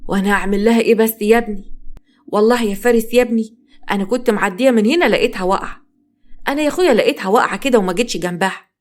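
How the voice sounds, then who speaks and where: A woman's voice: medium pitch, very fast, darkish tone, natural voice. A woman doing a harsh scolding mother-in-law. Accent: Egyptian Arabic.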